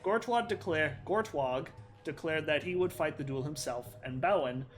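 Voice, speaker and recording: A man's voice: on the high side, moderate pace, faint music behind. A man hosting a let's play, reading an in-game book aloud in a casual way, laughing and swearing at his slips.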